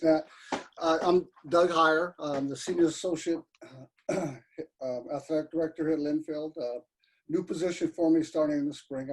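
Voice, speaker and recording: A man's voice: fairly high pitch, poor audio. A man in his fifties from Hawaii, an athletic director, introducing himself in an easygoing way on a video call. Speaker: senior associate athletic director.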